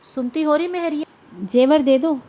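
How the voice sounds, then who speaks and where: A woman's voice: high-pitched, moderate pace, warm tone. A woman voicing a crude male robber. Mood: menacing. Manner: threatening, mocking. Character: menacing adult male robber, coaxing and crude.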